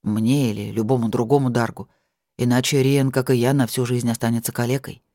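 Brief: grim dragon-blooded man, low, slow and heavy, dry close sound, read by an audiobook narrator. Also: fairly even intonation, dry recording, natural voice. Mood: grave. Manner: quiet, measured, heavy.

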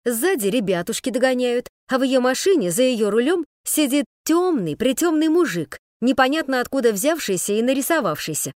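A woman reading a novel aloud as narrator, with a lively, ironic storytelling manner. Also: high-pitched, brisk, few pauses, no room sound, studio quality. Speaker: audiobook narrator. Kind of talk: scripted audiobook narration.

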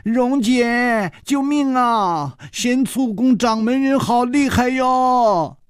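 Storybook imp: a high, squealing mischievous girl, as a male reader puts her on. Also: animated, measured pace, a little mellow, no room sound, clean studio sound. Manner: giggly, cheeky. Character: playful mischievous young girl.

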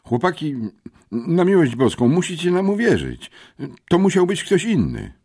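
A man's voice: medium pitch, sing-song, normal speed, a little mellow, husky, dry recording, clean studio sound, voice pushed up. A man reading an audiobook, voicing a frightened teenage boy who stammers and pleads that he is innocent. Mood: pleading.

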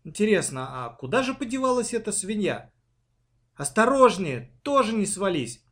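Man playing a cheeky bossy little girl, snappy, commanding, high bright voice, storybook. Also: very animated, normal speed. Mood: cocky.

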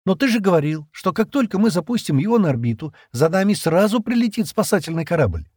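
A stubborn, indignant young woman from a space-adventure audiobook, as a male reader puts her on. Her voice sits high and husky, and her speech is sharp and insistent. The recording is dry and close. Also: very animated, fast, no room sound.

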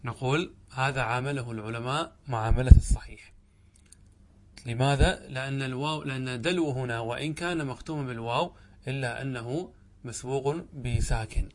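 A man's voice: mid-range voice, brisk. A man giving a classroom grammar lecture, repeating examples and quizzing his students. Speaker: teacher of Arabic grammar.

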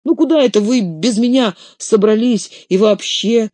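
A reader voicing a devoted, excitable young male hobbit servant who pleads in shrill, tearful outbursts. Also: measured pace, dry recording, close to an everyday voice. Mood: pleading. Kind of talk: audiobook character reading.

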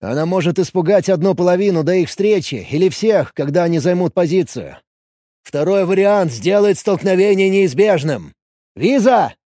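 A man's voice: high voice, lively intonation, normal speed, mellow, no room sound, studio quality, pitched above the performer's own voice. A man voicing a tense male army commander who barks orders in a fantasy audiobook. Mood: commanding. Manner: barking orders.

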